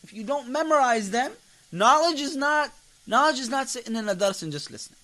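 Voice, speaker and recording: This imam's very high voice is pushed and bright, with lively intonation and a slightly fast delivery. Teaching a class, he lectures with passion, hammering and repeating key phrases and posing questions to those listening.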